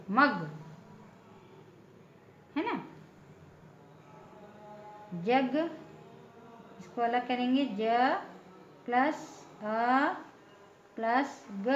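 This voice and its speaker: A woman's voice: a little high, a little hiss or hum. A woman teaching a patient, step-by-step lesson, often checking in with her listeners. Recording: echoey room, dull lo-fi sound.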